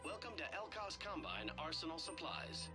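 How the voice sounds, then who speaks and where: A man voicing a store announcement over a space station loudspeaker, with a polished, even sales-pitch delivery. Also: normal speed, music in the background. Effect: shop loudspeaker announcement. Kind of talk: video game ambient dialogue.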